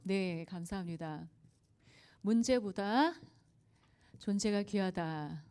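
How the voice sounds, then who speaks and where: Mellow-voiced woman lecturing a congregation. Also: mid-range voice, slow pace, clear, resonant tone. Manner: anecdotal, asks the audience questions and laughs often. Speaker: guest speaker at a revival meeting. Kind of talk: conversational church lecture. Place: church service before a congregation.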